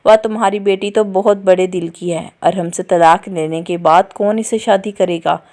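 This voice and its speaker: A woman's voice: mid-range voice, fairly even intonation, normal speed, a little mellow, natural voice. A woman reading a stern, scolding old father. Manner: scolding, commanding. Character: stern angry older father, head of household.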